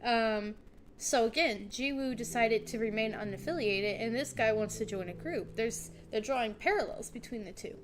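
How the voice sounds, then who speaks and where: A woman's voice: on the high side, moderate pace, background noise. A woman reading a webtoon aloud and chatting casually about it, voicing each character herself. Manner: chatty, voices every character in turn. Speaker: webtoon reader and commentator. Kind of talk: casual reading and reaction commentary. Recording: clear background music behind the voice. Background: music.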